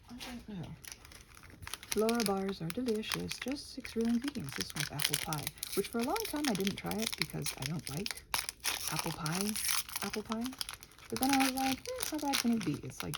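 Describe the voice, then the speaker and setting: With a creaky, mid-range voice and a bit of background noise, a woman who runs an ASMR and audio channel chats idly to her listeners as a body double. She murmurs to herself, lapses into whispers, and drops in sarcastic, playful asides.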